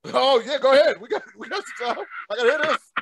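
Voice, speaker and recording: A man's voice: very high voice, animated, fast talker, fairly bright tone, husky. A male podcast host chatting with a guest in a hyped, upbeat, slangy way, laughing often. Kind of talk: casual interview chat.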